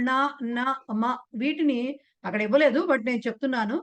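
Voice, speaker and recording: A woman with a Telugu accent teaching a beginners' class, explaining patiently and putting questions to her students. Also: a little high. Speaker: Sanskrit teacher. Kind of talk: online class lecture.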